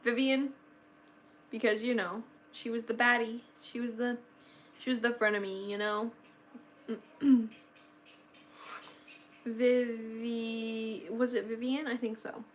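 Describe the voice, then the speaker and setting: Speaking slowly with frequent pauses, this late-teen livestream host has a slightly high voice and a level tone, a little worn as she begins to lose it. She's bubbly and rambling, gushing with many fillers, over slight background noise.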